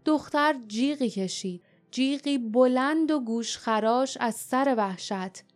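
A woman narrating a storybook with steady, expressive storytelling. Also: high-pitched, soft background music. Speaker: audiobook narrator. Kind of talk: scripted narration.

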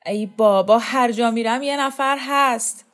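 A woman's voice: on the high side, voice pushed up, natural voice. A worn-out young man in a storybook, bitter and rebellious, voiced by a woman reader. He pleads and protests in a raised, agitated tone.

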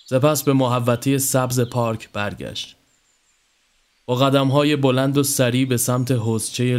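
A man steadily reading a horror story aloud as narrator. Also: mid-range voice.

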